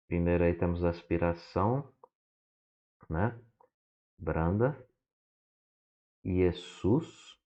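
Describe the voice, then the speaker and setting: A man teaching from slides who explains slowly, checks in with "né?" and spells words out one syllable at a time. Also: low-pitched. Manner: explains slowly and often adds "né?". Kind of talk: slide lesson. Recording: dull lo-fi recording.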